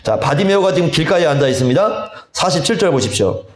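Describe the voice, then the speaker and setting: A male pastor preaching a sermon, slow and deliberate, often asking the congregation rhetorical questions. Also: on the high side, very animated. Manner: slow, deliberate delivery with drawn-out phrases. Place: church sanctuary. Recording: echoey church hall.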